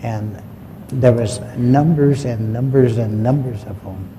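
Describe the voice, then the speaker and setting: Speaking slowly in a dark, medium-pitched voice, a man shares a story from his own life, imitating what his father said. His manner is homespun and plain. Long hall reverb and faint background noise surround him.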